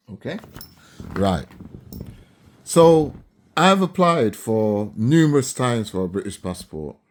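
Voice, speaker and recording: A Barbados-born vlogger in his seventies talks casually to the camera, often checking in with his viewers. His voice sits on the low side with a slightly mellow quality.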